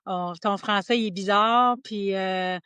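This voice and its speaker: A woman from Quebec with a Quebec French accent, co-hosting a podcast in casual chat, often restarting and trailing off into quieter asides. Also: mid-range voice, steady tone, unhurried, clean tone, no room sound. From Quebec, Estrie region. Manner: chatty, many restarts, drops to quiet asides. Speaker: podcast co-host. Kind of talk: casual conversation.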